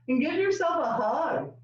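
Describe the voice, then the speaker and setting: A woman's voice: sits high, fairly bright tone. A woman leading a laughter yoga session, drawing out chants and cues and laughing often between them. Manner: slow, drawn-out chanting with frequent laughs. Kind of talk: guided group exercise. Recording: roomy, distant, dull sound.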